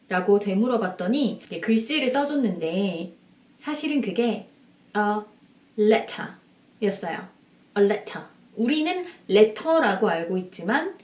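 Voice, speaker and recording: A young woman in a casual lesson vlog, chatting and slowly sounding out English phrases as examples. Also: medium pitch, darkish tone, roomy sound, far from the mic. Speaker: English tips vlogger. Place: small room.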